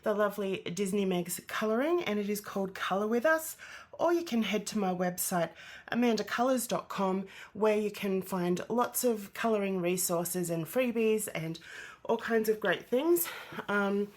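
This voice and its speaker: A woman's voice: medium pitch, moderate pace, a little mellow. A congested, nasal-sounding woman who is out of breath, chatting casually as host of a hobby channel. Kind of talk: casual vlog chat.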